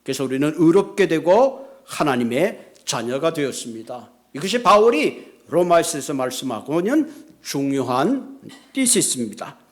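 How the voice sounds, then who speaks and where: Earnest, high-voiced man preaching a sermon. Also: sing-song, moderate pace. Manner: earnest, emphatic preaching with a told joke. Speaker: pastor.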